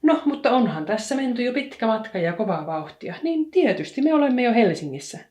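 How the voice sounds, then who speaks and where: A woman's voice: medium pitch, sing-song, a little mellow, pitched above the performer's own voice, close to an everyday voice. A woman voicing a cheerful, naive little girl who answers in an innocent, matter-of-fact way.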